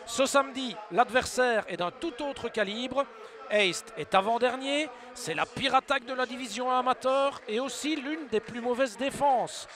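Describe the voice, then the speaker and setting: A man giving excited sports commentary on a football match, swinging between hushed build-up and loud exclamations. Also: very high-pitched.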